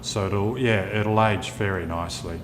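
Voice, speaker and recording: Low-voiced man giving halting wine tasting notes. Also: steady tone. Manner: descriptive tasting talk with halting pauses. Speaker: winemaker presenting his wine. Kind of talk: sommelier tasting notes, unscripted wine talk. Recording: echoey room, clear rumbling background noise.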